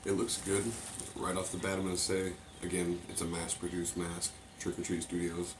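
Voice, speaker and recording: Through a mask and a stuffy nose, a low-voiced man unboxes a mask for his collection at a moderate pace, his delivery monotone. The talk is loose and offhand, full of fillers. There's background noise, including loud music from a movie.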